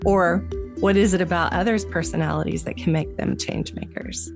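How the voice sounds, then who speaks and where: A woman's voice: lowish voice, fairly even intonation, normal speed, gravelly, faint music behind. A woman in her fifties co-hosting an interview podcast, enthusiastic and effusive. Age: 50s. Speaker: podcast co-host.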